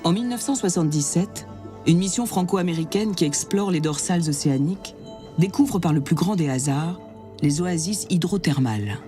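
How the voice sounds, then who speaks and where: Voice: mid-range voice, lively intonation, normal speed. Nature documentary narrator over prominent music. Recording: music behind the voice.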